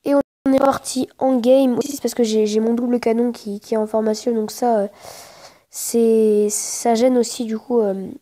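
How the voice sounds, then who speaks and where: Casting: female gamer, higher-pitched yet soft-toned, casual play-by-play, slangy grumbler who repeats herself while thinking. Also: steady tone, moderate pace. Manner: informal slangy speech, often swearing in frustration; hesitant, repeats phrases while thinking aloud. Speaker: gaming video creator. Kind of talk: casual live gameplay commentary.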